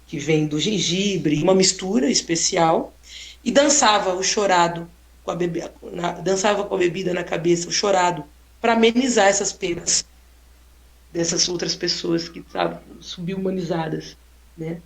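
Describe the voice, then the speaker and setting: A woman photographer telling a story in a casual, expressive way, exclaiming often and tagging sentences with "né?". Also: lowish voice, moderate pace. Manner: expressive, exclaiming, frequent "né?" tags. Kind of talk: casual storytelling on a live stream. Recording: roomy echo.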